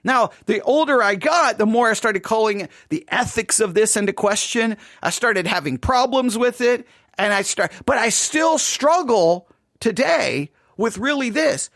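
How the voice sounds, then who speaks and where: A man's voice: extremely high pitch, expressive, unhurried, a bit bright, no room sound, clean studio sound. A middle-aged man, a pastor with a West Texas twang, giving a seated teaching talk with emphatic repetition and rhetorical questions. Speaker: pastor speaking at a conference.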